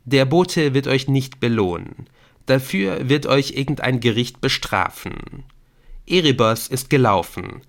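A man's voice: mid-range voice, a little slow, vocal fry, voice pushed up. A man voicing a teenage boy who taunts the others in a raised voice. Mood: mocking.

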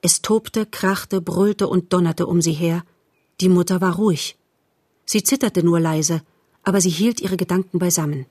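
A woman narrating a storybook in a measured, calm way. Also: on the low side, husky, no echo, studio quality. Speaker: audiobook narrator.

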